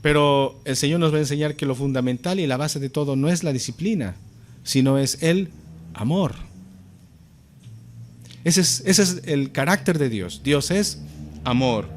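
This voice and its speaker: A man's voice: on the high side, a little slow, long pauses, a little hiss or hum. A male pastor delivering a sermon in a slightly raised register. He talks straight to his listeners and leans into emphatic peaks. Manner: earnest preaching, addressing the congregation as brothers, rising to emphatic peaks.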